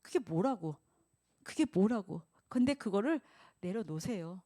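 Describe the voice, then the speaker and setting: A woman's voice: mid-range voice, normal speed. A woman pastor preaching a Sunday sermon, putting rhetorical questions to the congregation and acting out quoted speech. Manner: acts out quoted speech in lively voices.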